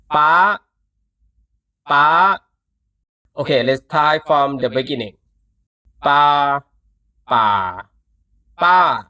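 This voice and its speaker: A man's voice: fairly high pitch, fairly bright tone. A man with a Thai accent teaching a pronunciation lesson, speaking patiently and repeating syllables for the learner to copy.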